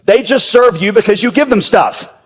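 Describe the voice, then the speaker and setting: A man's voice: sits high, lively intonation, moderate pace, breathy edge, voice pushed up. A man voicing a feisty male accuser spirit who taunts God, in a sneering tone. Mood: taunting. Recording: echoey hall.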